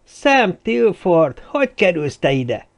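A man doing a jovial, excited grown man. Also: on the high side, voice pushed up. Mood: overjoyed. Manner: exclaiming, excited, laughing. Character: jovial booming adult man, overjoyed.

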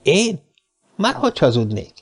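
A man's voice: very animated, breathy edge. A man voicing a small, nervous, cigar-smoking man who puts on a cheeky front and stammers when frightened, in an audiobook reading. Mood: defensive. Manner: stammering when scared, high and quick.

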